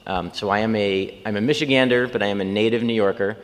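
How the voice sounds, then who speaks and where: A man's voice: on the low side, steady tone, fast talker. A man in his forties from Long Island, a city mayor talking informally to a church congregation, rambling with frequent ums and restarts. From Long Island, New York. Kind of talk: informal speech and Q&A. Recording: reverberant church hall.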